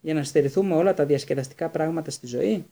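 A man's voice: a little high, mellow, natural voice. George, a man voicing a sardonic teenage twin. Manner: sardonic, dry. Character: wisecracking teenage twin boy.

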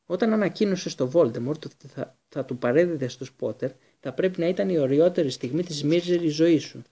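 A fierce, bitter escaped prisoner from a storybook, voiced by a male audiobook reader. He speaks with intense, accusing weight. The voice is mellow and husky, pitched a little high. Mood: contemptuous. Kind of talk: audiobook character reading.

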